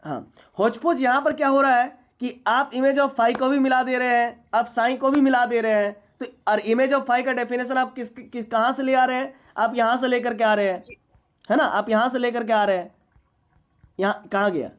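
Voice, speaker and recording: Woman maths teacher, fairly high voice, patient, keeps checking if class gets it. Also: fairly even intonation, moderate pace. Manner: patient, checks understanding often. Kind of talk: classroom lecture.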